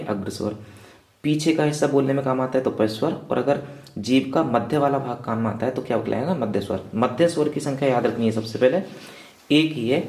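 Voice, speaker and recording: A male teacher runs through an exam revision lecture, firing rhetorical questions and checking in after each point. His voice is mellow and warm in tone. The sound bounces around an echoey room. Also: mid-range voice.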